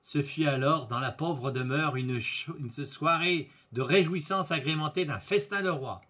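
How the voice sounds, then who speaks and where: A man reading a fairy tale aloud in a lively, expressive storytelling manner. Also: a little high, measured pace, slightly rough.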